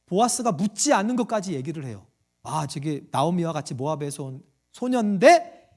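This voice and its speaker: Male pastor, sermon, high voice, very animated, asks the congregation questions. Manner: acts out quoted voices in a story.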